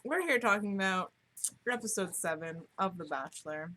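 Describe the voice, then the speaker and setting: A young woman co-hosting a relaxed chat, with an ordinary, mid-pitched voice. She keeps things loose with dry jokes and lots of ums. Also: moderate pace. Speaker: co-host. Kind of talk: casual chat.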